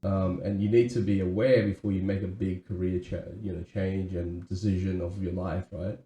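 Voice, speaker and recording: A man's voice: deep voice, little pitch movement, normal speed, warm tone, echoey room, a little hiss or hum. A man co-hosting a casual podcast chat, talking earnestly with many restarts and "right?" tags. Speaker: podcast co-host.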